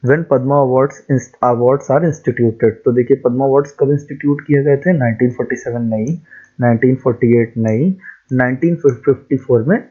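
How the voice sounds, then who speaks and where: A man's voice: mid-range voice, warm tone, dull audio. A male teacher with a sore throat, going through quiz slides, explaining step by step and repeating the key answers.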